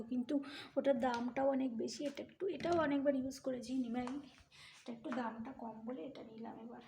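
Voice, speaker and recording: Soft-spoken middle-aged woman doing a grocery haul, high gravelly voice, echoey kitchen. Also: a little hiss or hum. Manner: soft-spoken, rambling, chatty asides. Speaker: home vlogger. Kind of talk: casual grocery haul chat. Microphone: bluetooth earpiece. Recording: echoey room.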